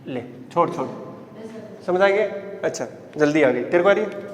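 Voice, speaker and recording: A man's voice: fairly high pitch, animated, normal speed, slight background noise. A man teaching physics and coaxing his students with repeated "right?" checks. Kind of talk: classroom lecture. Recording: echoey classroom, long reverb.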